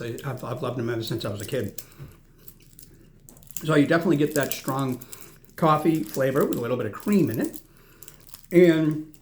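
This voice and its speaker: A man's voice: fairly high pitch, darkish tone. A man hosting a snack tasting video, reading out product notes and chatting as he chews. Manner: self-deprecating, chatty, chews while talking.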